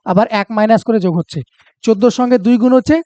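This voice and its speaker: A man's voice: high voice, very fast, warm tone, clean tone, dry recording, lo-fi sound. A man with a Bengali accent teaching a reasoning lesson for exam prep, talking through each step aloud and checking that students follow.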